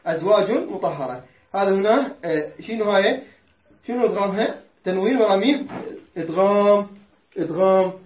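A man teaches the rules of Quran recitation in a patient tajweed lesson. He keeps asking his students questions and slowly chants the verses he explains. The recording is dull and lo-fi, with a roomy echo. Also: high-pitched. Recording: echoey room, dull lo-fi sound.

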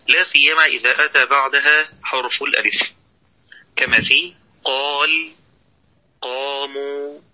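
A man giving a tajweed recitation lesson, explaining each rule deliberately and demonstrating how the sounds should be made. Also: medium pitch, pushed and bright, husky, low-quality recording. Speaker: Quran recitation teacher.

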